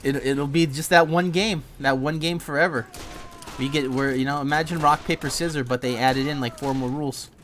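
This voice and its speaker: A man streaming a game and chatting loosely with a friend. He rambles, restarts his sentences and swears freely. His voice has an ordinary middle pitch, with faint noise in the background. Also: fairly even intonation, brisk, fairly bright tone. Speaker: gaming streamer. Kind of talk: casual chat while playing.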